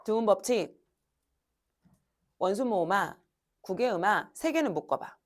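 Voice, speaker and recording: A woman teaching a high-school language class, asking students questions and answering them herself in a brisk, coaxing way. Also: expressive. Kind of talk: classroom lecture.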